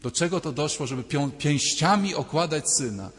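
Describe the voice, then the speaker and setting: A man's voice: fairly high pitch, animated, moderate pace. A man giving a conversational sermon and acting out quoted voices, recorded in a church. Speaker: priest. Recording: reverberant church hall.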